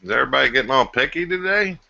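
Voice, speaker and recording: A man's voice: mid-range voice, lively intonation, very fast, gravelly, sharp tone, no echo. A man with a Missouri twang in a casual, heated debate, argumentative and colloquial, swearing freely. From Missouri, USA. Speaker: caller. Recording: muffled lo-fi voice call.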